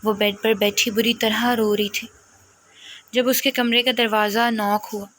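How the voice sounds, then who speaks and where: A woman reading a romance novel aloud in a steady storytelling manner. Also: fairly high pitch. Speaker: novel reader. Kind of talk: storytelling narration.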